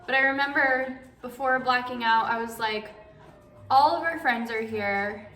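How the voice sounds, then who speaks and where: A woman's voice: fairly high pitch, unhurried, pushed and bright. A woman in her twenties hosting a casual question-and-answer chat, talking chattily with lots of "like". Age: 20s. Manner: chatty, uses like often. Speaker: vlog host answering viewer questions. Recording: roomy echo, distant mic, music behind. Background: background music.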